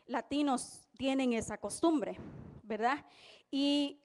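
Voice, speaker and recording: High-pitched woman preacher, animated storyteller, live church sermon. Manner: animated storytelling, exclamations of praise. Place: church service.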